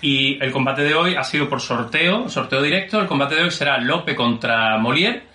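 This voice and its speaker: A man's voice: mid-range voice, moderate pace, pushed and bright, reverberant. A man co-hosts a casual talk show over a video call, explaining the rules. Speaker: co-host.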